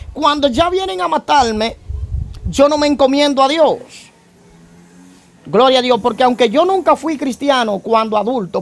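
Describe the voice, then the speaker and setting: A man giving a church testimony about his past as a gang member. He tells it vividly, acting out events and breaking in with praise phrases. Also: extremely high pitch. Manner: vivid storyteller who acts out events and keeps adding praise phrases.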